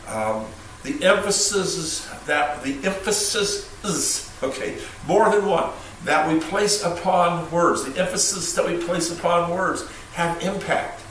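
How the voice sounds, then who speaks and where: A man teaching an informal Bible lesson as a Torah teacher, halting and earnest, often repeating his words. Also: a little high, a bit bright, a little hiss or hum. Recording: echoey room from far off.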